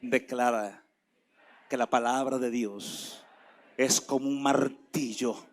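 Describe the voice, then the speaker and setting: A man preaching a sermon with passion, dropping to a hush and then rising to shouts. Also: medium pitch, fairly even intonation, takes it slowly. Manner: impassioned, swings from hushed to shouting.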